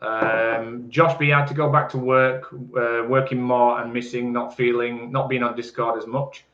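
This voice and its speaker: This forties-aged man speaks at a medium pitch, a little slowly, with a level delivery and a fairly bright tone. Co-hosting a live stream, he jokes with his partner and reads viewer comments aloud, all over echoey, somewhat dull sound.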